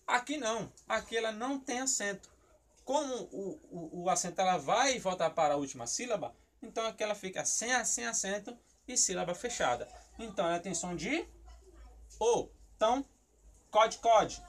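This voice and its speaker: A man's voice: high voice, expressive, a little fast, a bit bright. A Brazilian man teaching a recorded lesson on Hebrew syllables, asking himself questions and then answering them, often repeating words as he thinks. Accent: Brazilian Portuguese. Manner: explanatory, asks and answers his own questions, repeats words while thinking.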